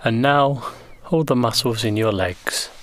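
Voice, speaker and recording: A man leading a guided progressive muscle relaxation in slow, gentle, soothing instructions. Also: medium pitch, no echo.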